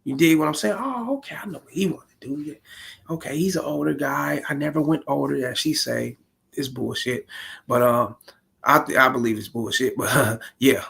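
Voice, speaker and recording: A man's voice: mid-range voice, moderate pace, gravelly, fairly bright tone. A man in his forties giving blunt, profane, rambling street-style commentary on a stream. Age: 40s. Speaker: streamer reacting to a video.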